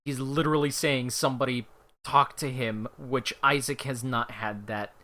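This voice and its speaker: A man's voice: medium pitch, fairly even intonation, normal speed, pushed and bright. A man casually talking through his character as a player in a tabletop role-playing game. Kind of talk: casual, informal game discussion.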